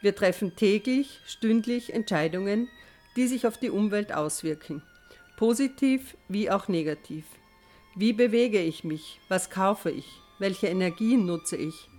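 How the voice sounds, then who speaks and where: A woman's voice: mid-range voice, unhurried, darkish tone, faint music behind. Persuasive older woman activist. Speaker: elderly climate activist. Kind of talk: scripted appeal.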